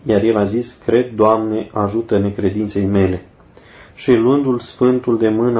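A man giving a solemn, measured devotional reading of a saint's life, slowing down for the prayers. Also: fairly low pitch. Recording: dull lo-fi recording.

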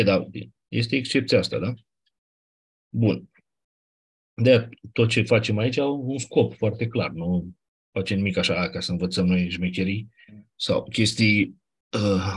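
A man teaching a class, his voice low and a little husky. He explains patiently and informally, checking whether his students follow and going back over the key rules.

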